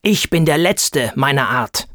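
A man voicing a huge male dragon who blusters and roars but is a coward at heart, stretching his threats out slowly. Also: on the high side, animated, a bit bright, dry recording, clean studio sound. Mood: blustering. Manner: roaring, slow and drawn out.

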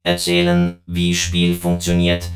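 A man's voice: low-pitched, completely flat delivery, slow, soft background music, voice pushed down. A man voicing a pale alien with a clanking electronic voice effect, speaking in clipped, broken phrases in a storybook reading. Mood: flat, eerie. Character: pale alien with broken speech, flat and eerie.

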